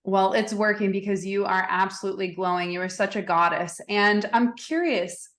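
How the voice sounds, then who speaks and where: A woman's voice: medium pitch, normal speed, a bit bright. A woman hosting a casual interview, gushing compliments and speaking bluntly. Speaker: podcast host.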